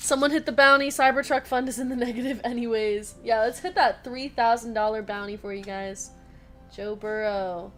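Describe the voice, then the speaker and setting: High-voiced woman hosting a card-break stream. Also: steady tone, normal speed, a bit bright, faint music behind. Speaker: host of a live sports card break stream. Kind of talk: casual live-stream chat while opening card packs.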